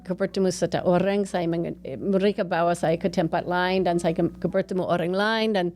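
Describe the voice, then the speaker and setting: A woman's voice: lowish voice, steady tone, normal speed, darkish tone. A woman from the United States with an American accent tells personal stories casually in Indonesian as a foreigner, a native English speaker slipping into English phrases. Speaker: interview guest, gallery owner and painter.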